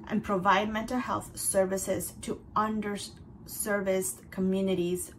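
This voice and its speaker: Woman, lowish voice, noticeable vocal fry, conversational recommendation style, measured explanatory delivery, faint ambient noise. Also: rough recording. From outside North America. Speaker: festival picks host. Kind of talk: semi-scripted film recommendations, conversational.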